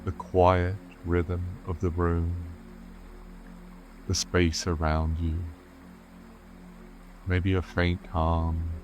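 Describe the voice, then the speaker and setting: A man with a low, mellow voice guides a calm grounding exercise. He speaks very slowly and gently, leaving measured pauses between short phrases, as a meditation guide does. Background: rainforest sounds with insects, soft music.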